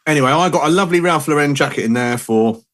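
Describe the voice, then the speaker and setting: A man's voice: on the high side, fast talker, a bit bright. A man, hosting a podcast and telling rambling, chatty anecdotes in casual conversation. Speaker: podcast host. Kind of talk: casual chat.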